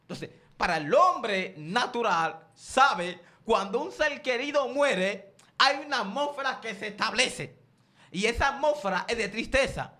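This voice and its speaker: A man's voice: very high voice, animated, measured pace, sharp tone. A man preaching a sermon, asking his listeners questions and then answering them himself, and calling on the congregation to respond.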